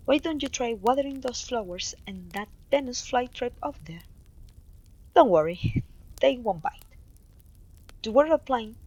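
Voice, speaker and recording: On a rough recording, a woman with a higher voice and a Mexican accent voices a bumbling, upbeat witch teacher for an ASMR roleplay. This voice actor encourages the listener in a theatrical, genteel manner.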